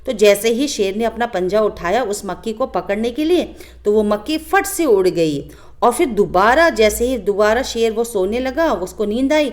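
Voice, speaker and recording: A woman teacher explaining a children's story lesson with animated storytelling, turning often to ask her pupils questions. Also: a little high.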